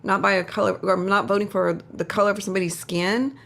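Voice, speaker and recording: A woman's voice: mid-range voice, fairly even intonation, quick pace, gravelly, a bit bright. An older woman co-hosting a ministry talk show, talking earnestly about faith with rambling self-corrections and strong conviction. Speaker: ministry co-host. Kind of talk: casual faith and politics talk.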